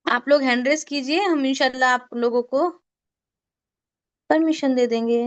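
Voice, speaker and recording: A woman teaching an online Tajweed class, drilling letter sounds slowly and quizzing her students. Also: high voice. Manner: asks the class questions and answers them.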